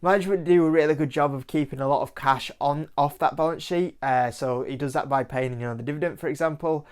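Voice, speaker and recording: A man's voice: fairly high pitch, fast, clean tone. A man with a Yorkshire accent hosting his own investing channel, talking casually and loosely through stock picks. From Yorkshire, England. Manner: loose, chatty, leans on "like" and "kind of". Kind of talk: casual stock-picking talk to camera.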